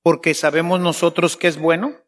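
A man's voice: on the high side, level tone, moderate pace, fairly bright tone. A man preaching a sermon, acting out playful prayers in shifting voices.

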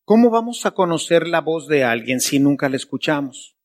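Male priest, sermon, rhetorical questions, slightly high voice. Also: expressive, moderate pace.

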